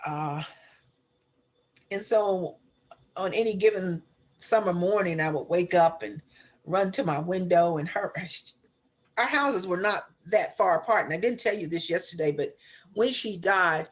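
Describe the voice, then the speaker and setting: A woman in her seventies reminiscing in conversation as an interview guest, reflective and deliberate, repeating phrases for emphasis. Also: lowish voice, husky, rough recording. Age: 70s. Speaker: interview guest, elder sharing life stories.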